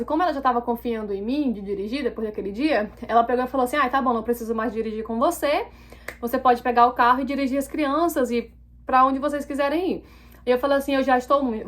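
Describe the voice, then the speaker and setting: A young woman tells a personal story to her viewers, relaxed and chatty. Her voice sits high, and she livens the tale by acting out the quoted exchanges. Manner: animated, acts out quoted dialogue. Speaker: vlogger. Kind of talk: casual storytelling.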